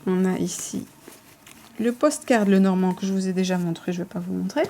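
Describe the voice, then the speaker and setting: A woman's voice: on the low side, a little fast, warm tone, a little hiss or hum. A woman, casually showing her card collection, chatty and hesitant with fillers and self-corrections. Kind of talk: casual show-and-tell.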